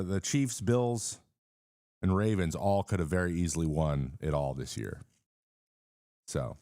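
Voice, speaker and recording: A man's voice: low-pitched, darkish tone, no room sound, studio quality. A man in his thirties hosting a casual sports live stream, rambling with fillers and restarts and greeting viewers in the chat.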